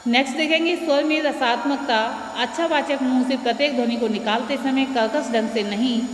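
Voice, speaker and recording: A woman teacher giving a classroom lecture, slowly explaining and stressing example words. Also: fairly high pitch, a little hiss or hum. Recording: echoey room with long reverb.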